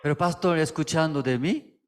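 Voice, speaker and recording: Un pastor predicando un sermón con frases sencillas y entrecortadas, muchos "mm" y preguntas retóricas al público. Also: male voice, mid-range voice, lively intonation. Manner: halting, simple phrasing with frequent "mm" and rhetorical questions. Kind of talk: sermon. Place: church service, streamed online.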